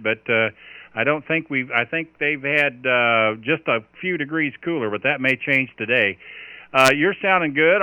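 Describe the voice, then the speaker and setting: A man works as net controller in a marine radio manner, chatty yet procedural. His voice is smooth and dry, heard through the slightly muffled band of a two-way radio. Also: on the high side, dry recording. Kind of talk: marine-radio style ham radio net exchange with call signs and "over". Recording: dull, band-limited radio audio.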